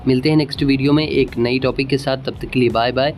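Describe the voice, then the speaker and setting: A man with an Indian accent teaching English grammar in a casual spoken lesson, patiently explaining and repeating example sentences slowly. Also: mid-range voice, steady tone, darkish tone, soft background music.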